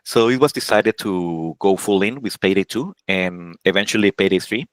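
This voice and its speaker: Answering interview questions, a game programmer from Honduras in his forties comes across as casual and halting, full of restarts and self-corrections. His voice is low-pitched, and the rough recording has no echo.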